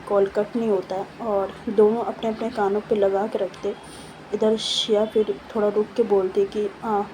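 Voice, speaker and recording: A woman's voice: mid-range voice, dark tone, slight background noise, rough recording. A woman casually narrating a love story, chatty and repetitive, mixing in English words and fillers.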